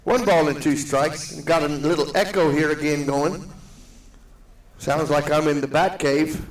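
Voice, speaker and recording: A man calling a softball game live in a steady, matter-of-fact way, his voice ringing with a cave-like echo. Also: a little high, unhurried, distant mic. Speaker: play-by-play announcer. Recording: echoey booth, set back from the mic.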